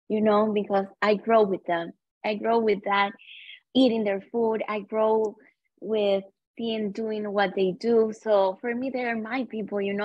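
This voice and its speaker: Woman, 30s, English, unhurried, halting, dry room, muffled sound. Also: medium pitch, dry recording. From Cuba. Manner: earnest, halting non-native English with many fillers. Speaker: guest. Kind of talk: personal storytelling interview. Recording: slightly dull recording.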